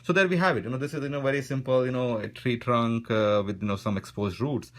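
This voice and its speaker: A man narrating a pen and ink drawing tutorial in a relaxed way, filling his speech with "you know" as he draws. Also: medium pitch, fast. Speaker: drawing instructor. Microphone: voice-over while drawing.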